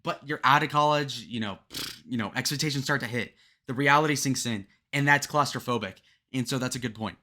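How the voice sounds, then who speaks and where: Young male commentator, twenties, bright forceful voice, blunt and rambling. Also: mid-range voice, brisk. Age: 20s. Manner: blunt, rambling, filler-heavy. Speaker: music commentator. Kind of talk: casual song breakdown commentary.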